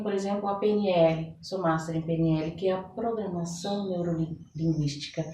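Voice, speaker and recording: Her voice sits on the low side and sounds warm, shaped by a Brazilian Portuguese accent. She is a holistic therapist and folk blesser giving a conversational interview about her practice, thoughtful and often asking for agreement. Echo, a far-off microphone and faint background noise color the recording.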